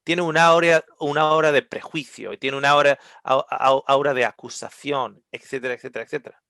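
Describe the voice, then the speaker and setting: A man preaching a sermon with passion, moving between loud outbursts and hushed, quiet lines. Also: medium pitch, fairly quick, no room sound.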